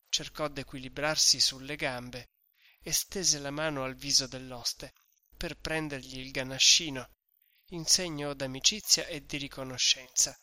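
A man narrating a classic novel in a slow, deliberate storytelling manner. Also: mid-range voice, pushed and bright, no room sound. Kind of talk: audiobook reading of a classic novel.

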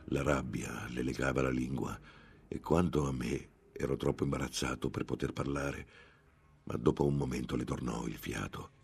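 Very deep gravelly male narrator. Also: steady tone, moderate pace. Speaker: audiobook narrator. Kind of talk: first-person literary narration.

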